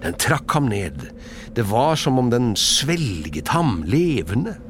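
A man giving an expressive, dramatic storybook narration. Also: medium pitch, slight background noise.

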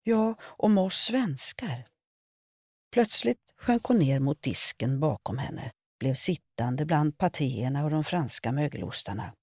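Woman reading her humorous column, lively intonation, gravelly edge, dry close sound. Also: extremely low pitch, hardly any pauses, no echo. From Sweden. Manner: wry, expressive storytelling.

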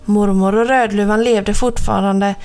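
A woman narrating a children's fairy tale from a storybook, with clear, even storytelling. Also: mid-range voice. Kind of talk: reading a children's storybook aloud.

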